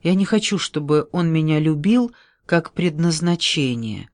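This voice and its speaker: Guy putting on a desperate young woman, teary and impatient, high and pleading, audiobook. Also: lively intonation, unhurried, no room sound, clean studio sound. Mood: tearful. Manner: pleading, raised voice.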